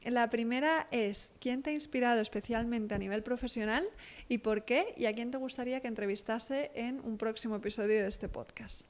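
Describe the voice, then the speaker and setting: A woman hosting a podcast, asking questions and affirming her guest warmly. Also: a little high, brisk. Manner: encouraging, affirming. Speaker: podcast host. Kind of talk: podcast interview.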